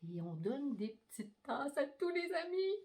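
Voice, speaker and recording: Animated Québécois mother telling a story. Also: high voice, a little slow. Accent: Québécois French. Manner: animated, coaxing listeners. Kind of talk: improvised storytelling.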